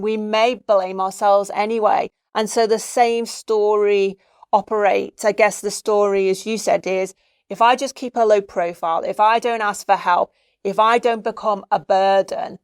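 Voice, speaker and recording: A woman's voice: medium pitch, clean tone, dry recording, studio quality. A woman co-hosting a podcast who talks things through in long, thoughtful questions. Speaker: podcast co-host. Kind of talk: conversational questioning.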